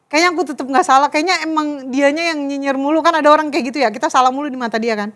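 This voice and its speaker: A young woman giving a chatty, animated youth sermon and talking straight to the crowd. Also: high-pitched. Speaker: youth preacher. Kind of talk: casual sermon.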